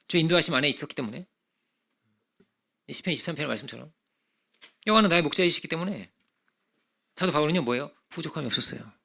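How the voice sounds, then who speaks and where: A man's voice: on the high side, vocal fry. A male pastor preaching a sermon in a conversational way, asking many rhetorical questions. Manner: acts out children's voices in animated bursts.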